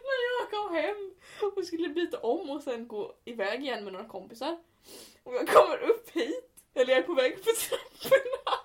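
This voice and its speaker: A young woman chats casually with her brother, very animated and laughing through her stories. She swears offhand and acts out shrill cries as she retells them.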